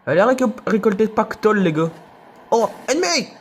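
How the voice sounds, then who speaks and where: A young man giving excitable let's play commentary, yelping and laughing at enemies. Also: sits high, brisk, a little hiss or hum. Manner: excitable, shouts and yelps at enemies, laughs often. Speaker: gaming youtuber.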